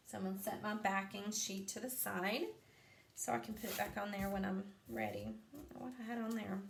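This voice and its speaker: A sleepy, yawning woman shows a home craft live as a craft vlogger, chatting along with many ums and asides. Her medium-pitched, gravelly voice moves at normal speed with long pauses, recorded in an echoey room with faint background noise.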